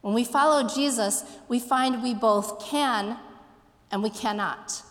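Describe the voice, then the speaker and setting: A woman pastor delivers a reflective sermon, moving slowly through questions for her listeners. Her voice sits a little on the high side. The long reverb of a large hall trails behind each phrase. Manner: slow, reflective, posing questions.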